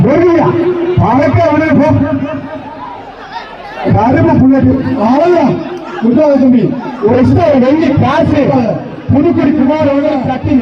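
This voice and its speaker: A man announcing a bull-taming contest through a public address loudspeaker, with shouted, repeated calls. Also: very high voice. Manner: shouted rapid-fire calls, repeats words. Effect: heard through a public address loudspeaker. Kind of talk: live event commentary over loudspeaker. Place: outdoor arena with a crowd. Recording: distant echoey loudspeaker, muffled, crowd noise.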